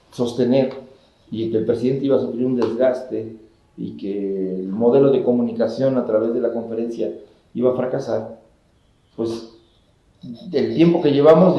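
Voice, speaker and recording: A middle-aged man from Mexico, a government communications official, giving steady, explanatory answers in an interview, building his points as lists. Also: medium pitch. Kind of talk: measured political interview answers. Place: indoor office with wooden cabinets. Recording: roomy, slightly dull office sound.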